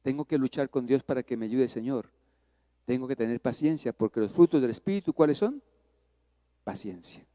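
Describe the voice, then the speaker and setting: A man, a pastor preaching a sermon, swinging from hushed to loud as he acts out a story. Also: mid-range voice, lively intonation, a little fast, big-room sound. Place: church.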